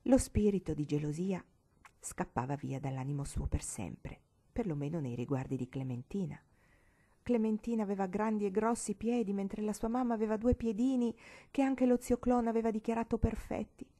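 A woman reading a novel aloud as an audiobook narrator, expressive and shifting into character voices. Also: mid-range voice, normal speed. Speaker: audiobook reader.

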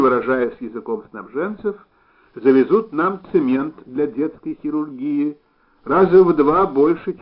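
A man's voice: on the high side, voice pushed up. A male reader voices a self-satisfied Soviet surgeon who is sly and jovial. He talks in a jaunty way, pleased with his own cleverness. The recording sounds slightly dull.

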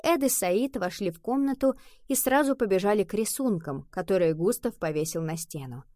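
A woman narrating a children's audiobook in a calm, even storytelling manner. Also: mid-range voice, fairly quick, dry recording, studio quality. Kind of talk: scripted narration of a children's book.

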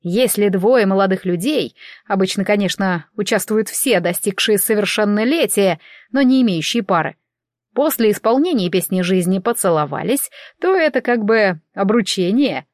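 A fussy, excitable male elf priest who lectures and exclaims in a lifted, loud voice, as a woman reads him in an audiobook. The sound is close and dry, with no room around it. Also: medium pitch, moderate pace, dry recording, lightly acted. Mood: lecturing. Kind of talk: audiobook character reading.

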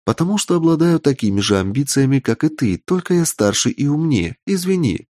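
A man's voice: on the high side, big pitch swings, a little fast, a little mellow, no echo, studio quality, voice pushed up. A man voicing an imperious, ambitious witch who speaks coldly and commandingly, in a raised voice. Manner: cold, commanding, menacing.

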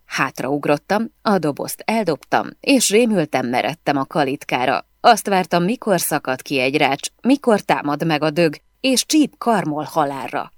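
A woman narrating a first-person audiobook with expressive storytelling. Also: deep voice, few pauses, no room sound, studio quality.

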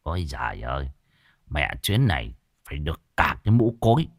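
A man's voice: extremely low pitch, sing-song, a little fast, no room sound, studio quality, pitched below the performer's own voice, heavily acted. A man voicing a coarse, cursing old male village boss. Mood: grumbling.

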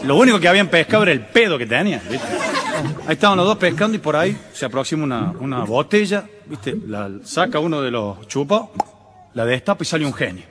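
A man's voice: a little high, very animated, fast talker. A man with a Córdoba Argentine accent hosting a comedy show, chatty and laughing through his jokes. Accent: Córdoba Argentine Spanish. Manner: chatty, laughs mid-joke. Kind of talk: telling jokes. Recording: noisy recording.

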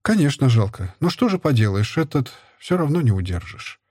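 A man reading an audiobook and voicing a worried middle-aged wife, lifting his husky voice for her gentle, coaxing lines. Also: big pitch swings, moderate pace, no room sound, clean studio sound. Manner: gently coaxing, raised pitch. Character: anxious, tender middle-aged wife and mother. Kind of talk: audiobook character voice.

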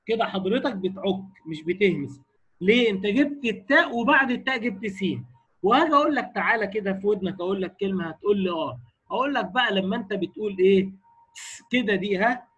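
A man with an Egyptian Arabic accent teaching Quran recitation rules to a class. He keeps asking the class quick questions and sounds out his examples slowly. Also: high voice, animated, fairly bright tone, husky, muffled recording. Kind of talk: recorded lecture on recitation rules.

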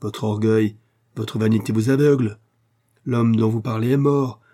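A man's voice: fairly low pitch, steady tone, a little slow, mellow, lightly acted. A man voicing a young engineer in an audiobook, firm and holding back anger. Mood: stern. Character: young male engineer, stern and restrained. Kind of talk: audiobook character reading.

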